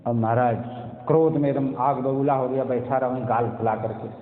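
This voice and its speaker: A man's voice: medium pitch, fairly even intonation, a little fast. A man preaching a devotional story sermon in an explanatory way. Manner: explanatory, now and then chanting. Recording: tinny echoey hall sound.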